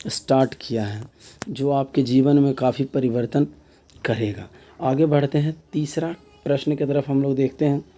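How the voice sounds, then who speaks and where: A man's voice: mid-range voice, dark tone. A man teaching an exam-prep grammar lesson, explaining step by step and repeating key terms back as questions. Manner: frequent filler tags mid-sentence.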